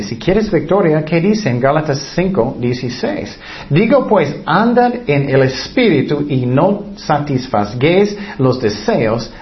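A male preacher with a high voice that leaps all over the place as he asks rhetorical questions and slips into quoted voices. The recording is dull and lo-fi. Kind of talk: sermon.

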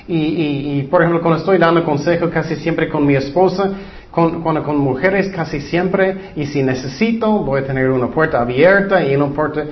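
A man's voice: on the high side, moderate pace. A man, a pastor, giving informal Bible teaching in an earnest, conversational way with frequent asides. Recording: dull lo-fi recording.

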